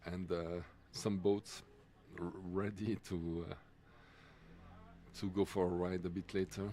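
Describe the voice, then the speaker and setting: A middle-aged Swiss man with a French accent giving live commentary on a race, halting and full of fillers. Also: sits low, little pitch movement, warm tone. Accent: French-speaking Swiss. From Switzerland. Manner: halting, many fillers and restarts.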